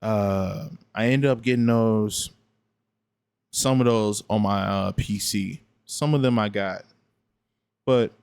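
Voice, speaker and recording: A man's voice: fairly low pitch, takes it slowly, creaky, pauses often, a little mellow, clean tone, no echo. Blunt, tired man streaming late at night, keeps repeating himself, dry close sound. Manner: repetitive, blunt, argumentative. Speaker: gaming streamer responding to another streamer. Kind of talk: late-night casual reaction commentary.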